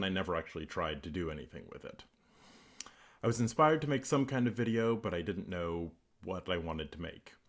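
A man with a very low, deep voice speaks in an announcer-style delivery. He talks casually into a laptop microphone, then moves into a dramatic reading as a self-taught voice actor. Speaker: amateur voice actor.

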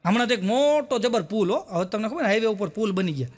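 High-voiced man telling folksy jokes. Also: lively intonation, fast. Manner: laughs often while acting out characters' lines. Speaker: stand-up comedian telling jokes. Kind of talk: Gujarati folk joke storytelling.

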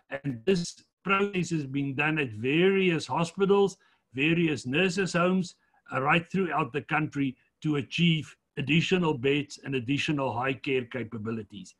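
A man presenting slides in a lecture, measured but fairly quick, with frequent fillers. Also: fairly high pitch, husky.

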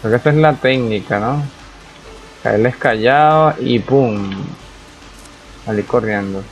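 A man's voice: medium pitch, takes it slowly, poor audio. A young man, commenting casually on a survival game as he plays and reacting aloud to what happens on screen. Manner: chatty, reacts aloud to the game, talks to himself. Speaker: gaming YouTuber. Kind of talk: casual let's-play commentary.

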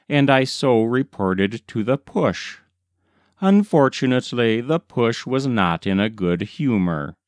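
As an audiobook narrator, a man slowly reads a short story, his pitch rising and falling expressively. His voice is smooth, and the close, dry recording carries little room sound and no echo.

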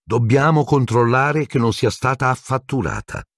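A stern older woman professor, clipped and icy, her voice lifted well above a man's usual low register, as a male narrator puts her on. The sound is dry and close, with a husky grain and lively rises in pitch. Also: normal speed, no room sound, natural voice. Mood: firm. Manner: clipped, cool and severe.

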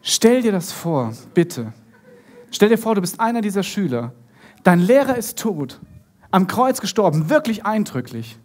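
Animated, husky-voiced man preaching a sermon. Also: sits high, unhurried. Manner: animated storytelling, addresses listeners directly. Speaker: pastor.

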